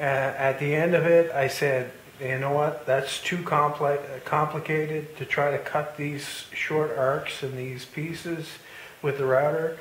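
A man hosting a woodworking video, casually walking through his build with plenty of fillers and restarts. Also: on the high side. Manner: relaxed, explanatory, with many fillers and restarts. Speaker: woodworking channel host. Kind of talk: casual shop walkthrough narration. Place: home woodworking shop, indoors. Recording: roomy workshop with faint noise.

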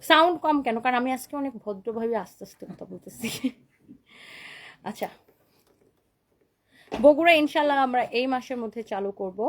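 High-voiced woman selling dresses live. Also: a little hiss or hum, low-quality recording. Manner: chatty, keeps asking "okay?", mixes English words into Bengali. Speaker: online boutique owner selling dresses live. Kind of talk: live-stream sales pitch, reading viewer comments.

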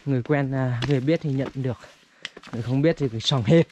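A man's voice: medium pitch, quick pace, dark tone. A man chatting casually as an outdoor vlogger, hesitating and repeating words as he talks to viewers. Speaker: vlogger, host. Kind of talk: casual outdoor vlog chat while walking. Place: outdoors in forest. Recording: outdoor recording with faint noise.

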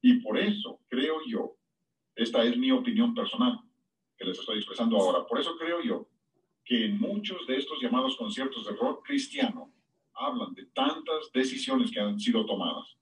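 A man preaches a sermon, his voice leaping up in pitch on the words he stresses. He sounds lively and expressive. He is set back from the mic, so the church room is heard around him. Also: normal speed, distant mic, poor audio. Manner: animated preaching with sudden high-pitched emphasis.

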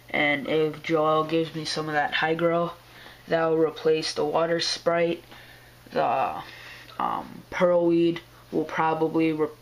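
A man who is sick, with a strained throat, giving a casual video update about his aquarium. He rambles in a laid-back way, with lots of fillers and slang. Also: on the high side. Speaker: aquarium hobbyist vlogger.

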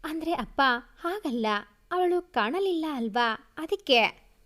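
Woman playing young husband, tender, coaxing, teasing, high voice brought down a little. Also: expressive, slow pace, fairly bright tone, heavily acted.

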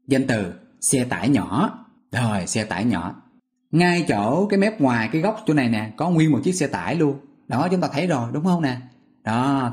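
A man's voice: mid-range voice, a little mellow. Patient male teacher. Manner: patient, repetitive, asks listeners questions. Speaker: English vocabulary teacher. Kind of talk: explaining memory tricks step by step.

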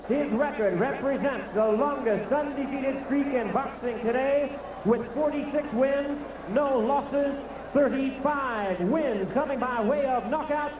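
A man working as a ring announcer, making formal bilingual boxing introductions in a grand, ceremonial manner with drawn-out names. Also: very high voice. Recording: echoey arena PA, noisy background.

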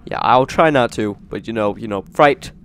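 A man hosting a gaming channel, giving jokey, excitable let's play commentary and talking to himself. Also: lowish voice, normal speed, creaky, a little hiss or hum.

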